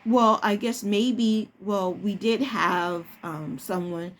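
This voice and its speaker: A woman who works as a preschool teacher, telling a personal story in a casual, halting way as she searches for words. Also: mid-range voice.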